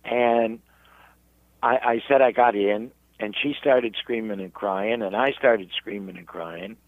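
A man, a rabbi, telling his story in an interview in halting, self-repeating speech. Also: fairly low pitch, fairly even intonation, no echo, phone-quality sound. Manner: halting, repeats words while searching. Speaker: rabbi and guest.

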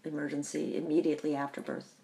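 A woman who grew up in the Bahamas, telling her family history in an interview, thoughtful and pausing often. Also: low voice, level tone, vocal fry, warm tone. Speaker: interview guest. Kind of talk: reflective personal storytelling.

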